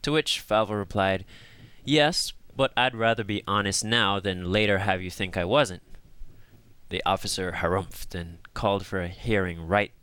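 A man hosting a discussion show, telling a story in a calm, measured way and then talking with his guests. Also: sits low, clean tone, no echo. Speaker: host. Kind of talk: scripted narration and discussion hosting.

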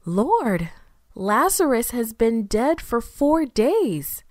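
A woman's voice: on the high side, big pitch swings, very slow, no room sound, clean studio sound, pitched above the performer's own voice, heavily acted. A woman voicing an anguished, pleading sister. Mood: distressed. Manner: loud, pleading exclamations. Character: grieving woman, sister of the dead man.

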